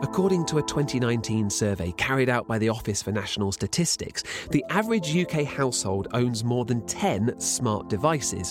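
British male science presenter, scripted investigative narration, inquisitive delivery, animated pitch, music bed underneath. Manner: inquisitive, emphatic, rhetorical questioning. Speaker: science presenter and podcast host.

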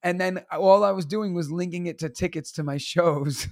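A man, a teacher and comedian telling animated, laughing stories in a casual interview. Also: high-pitched, normal speed, heavy background noise. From United States. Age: 30s. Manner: animated, laughing, acts out voices in his stories. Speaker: teacher and stand-up comedian, guest.

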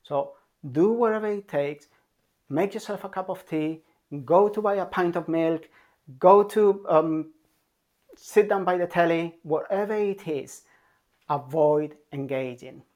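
Calm parenting coach who keeps asking "yeah?". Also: mid-range voice, a little slow. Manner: calm and emphatic, checks in with a frequent "yeah?"; repeats key points for emphasis. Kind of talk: advice talk to parents.

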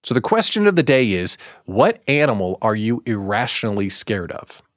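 A man's voice: lowish voice, very animated, normal speed, dry recording, clean studio sound. An American man hosting a casual live show, chatting playfully to his audience and repeating words for emphatic comic effect. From United States. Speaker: host of a daily live show for small business owners.

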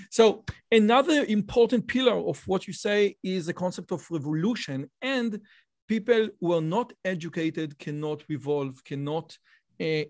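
Israeli-accented man hosting an interview. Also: a little high. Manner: chatty, laughs between points. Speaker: podcast host. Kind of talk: interview questions.

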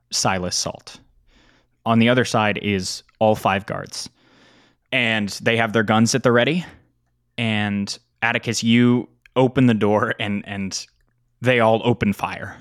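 A man narrating a tabletop game as game master, describing scenes in an unhurried way. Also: on the low side, fairly bright tone, dry recording, studio quality.

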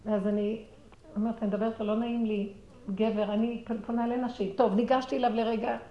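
A middle-aged woman telling a personal story in a religious talk, acting out the dialogue with animation and sinking into quiet, prayerful murmurs. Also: fairly high pitch, little pitch movement, lo-fi sound. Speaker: speaker sharing a personal story. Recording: roomy echo with faint background noise.

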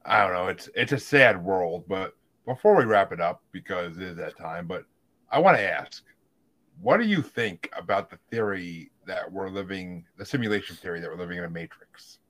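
Deep-voiced easygoing podcast host, a man. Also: expressive, moderate pace, a bit bright. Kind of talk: casual chat.

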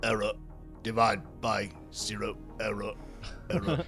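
A man voicing a malfunctioning robot in a tabletop game, repeating error messages in a broken, halting whisper. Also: lowish voice, a bit bright, soft background music. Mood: glitching. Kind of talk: tabletop roleplay in character.

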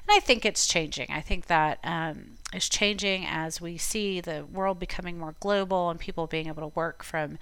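Bright, crisp-voiced woman host from Florida. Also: fairly low pitch, moderate pace, hardly any pauses, dry recording. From Tampa, Florida. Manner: chatty, encouraging, relaxed asides. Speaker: podcast host. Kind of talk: casual advice talk.

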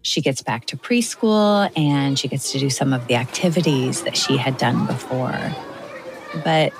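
A woman with a very low voice narrates a podcast in a calm, measured, scripted way. Music plays clearly underneath her narration. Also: crowd noise. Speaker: podcast host.

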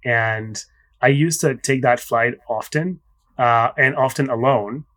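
A man from Spain, a startup founder guest, talks reflectively in a casual interview, using many fillers and pauses. His voice is mid-range and a bit bright, and he is described as raised.

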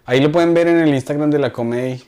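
A man's voice: on the high side, quick pace, darkish tone, clear, resonant tone. A young man, co-hosting a comedy podcast in casual chat, joking and swearing freely.

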